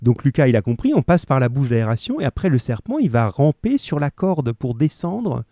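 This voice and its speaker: A male teacher reading a story aloud to his class and explaining it, lively and full of questions. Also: mid-range voice, moderate pace, no room sound, studio quality. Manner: lively, asks questions and stresses key words.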